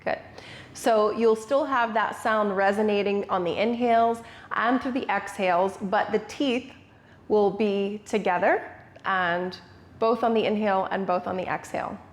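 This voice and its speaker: A woman's voice: medium pitch, a little slow. A woman with a mid-range voice teaches a yoga breathing exercise. She speaks as an instructor, laying out each step in short, simple cues for the listener to follow. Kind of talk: guided breathing tutorial.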